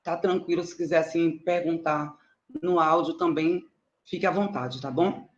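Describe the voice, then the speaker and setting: Speaking at a normal speed in a low, steady voice, a middle-aged woman with a Bahian (Salvador) Brazilian Portuguese accent gives an informal online talk about her research as a mathematics teacher. She is chatty, makes light of herself, and often checks with her listeners. The recording, made indoors over a conferencing platform, is muffled and roomy.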